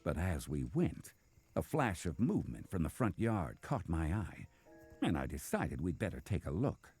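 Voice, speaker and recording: A man playing a hardboiled detective narrating his casefile in scripted noir style, with a gravelly voice. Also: low voice, sing-song, moderate pace, darkish tone, soft background music, heavily acted. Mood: brooding, wry.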